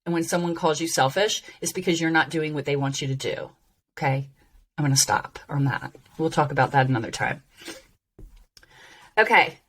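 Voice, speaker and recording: Woman coach with drawn-out, hissy s sounds. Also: sits low, fairly bright tone. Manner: emphatic, encouraging, checks in with "okay". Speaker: workshop teacher, voice coach. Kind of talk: informal self-help teaching.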